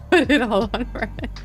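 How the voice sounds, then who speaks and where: High-pitched woman chatting on a tarot stream, giggly, takes her time, music playing behind. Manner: giggly, chatty, greets chat warmly. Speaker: live streamer doing tarot card readings. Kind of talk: casual live-stream chat with viewers. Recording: background music under the voice.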